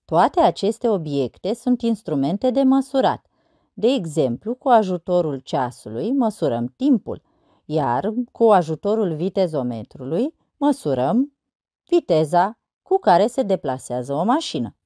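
A woman's voice: on the low side, sing-song, warm tone, no room sound. Dry-voiced woman teaching a lesson. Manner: slow syllable-by-syllable counting of verse. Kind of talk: scripted school lesson narration.

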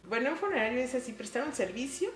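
A woman's voice: on the high side, quick pace, reverberant. A woman in her forties with a Mexico City Spanish accent, a funeral director telling her story in a casual interview, full of fillers. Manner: lively storytelling with frequent fillers. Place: small art-filled room indoors.

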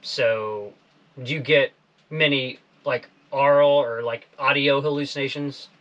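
A man in his forties hosting a casual interview in a small boat cabin, talking in a relaxed, laid-back way. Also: medium pitch, unhurried, highs cut off. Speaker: podcast host.

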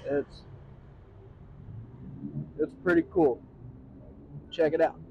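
Speaking extremely slowly with fairly even intonation, this middle-aged vlog host offers casual, enthusiastic, down-to-earth commentary on food. His pitch is fairly high and the sound is lo-fi. Passing vehicles and other street noise come through clearly from the city street where he stands at night.

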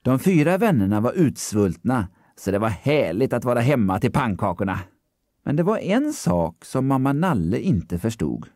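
A man narrating a children's story, expressive and storytelling. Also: mid-range voice, no echo, clean studio sound.

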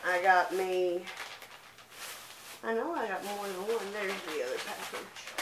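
A woman's voice: mid-range voice, heavy background noise. A young woman with a lisp and a speech impediment, chatting casually as she shows off items from a shopping haul. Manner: chatty, easygoing, unhurried show-and-tell. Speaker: vlogger. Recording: echoey room.

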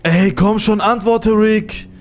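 A male streamer giving excitable, jumpy commentary on a horror game, swearing when scared. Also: sits high, slow pace, faint music behind.

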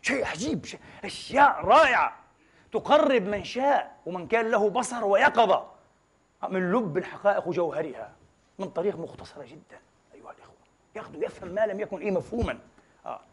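A man's voice: high voice, lively intonation, fast talker. A man preaching a Friday sermon. He asks the congregation many rhetorical questions and mixes formal with colloquial dialect and foreign words.

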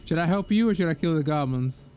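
A man's voice: on the high side, expressive, fast talker, darkish tone, clean tone, soft background music. A young man bantering casually during a co-op game, bossy and teasing, full of slang. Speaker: gamer in co-op let's play.

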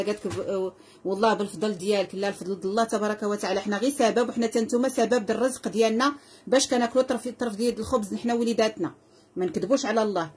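Husky fast-talking Moroccan saleswoman. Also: medium pitch. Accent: Moroccan Arabic. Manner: effusive, repetitive, calls out prices and blessings to viewers. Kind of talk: live sales pitch.

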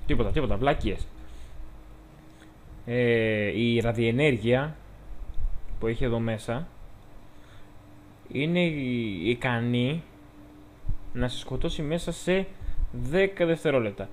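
A man with a Greek accent gives a let's-play in a mid-range voice, pausing often, with slight background noise. He's chatty and jokey, and he talks to the game's characters while playing.

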